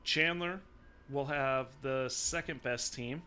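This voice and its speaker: Bright, emphatic podcast co-host man. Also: mid-range voice, takes it slowly, clear, resonant tone. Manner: emphatic, builds up loudly when excited. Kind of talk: casual fantasy football chat.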